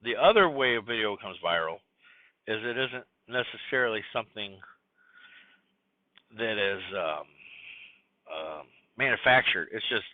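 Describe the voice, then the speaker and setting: A man's voice: on the low side, animated, unhurried, long pauses, no room sound. A man hosting a casual solo podcast, rambling and scattered with many fillers and restarts. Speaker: podcast host. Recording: tinny phone-like dry recording.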